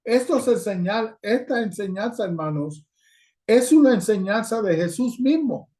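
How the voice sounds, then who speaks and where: A male guest preacher delivers a sermon over a video call with a fairly high, mellow voice. He reads scripture aloud at length and then turns to address the congregation directly as brothers. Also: expressive, normal speed.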